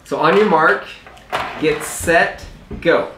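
A man's voice: on the high side, slow. A man in his thirties, a father casually hosting a family challenge video and explaining it, recorded at home on a camera mic. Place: small dining room at home, indoors. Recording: echoey room, clear background noise.

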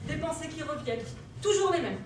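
A woman's voice: sits high, expressive, brisk, background noise. An actress playing a prim, anxious, pious woman on an amateur stage, heard from far off in an echoey hall. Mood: fussy. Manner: prim, anxious, exclaims to saints. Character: pious, fussy woman who checks everything.

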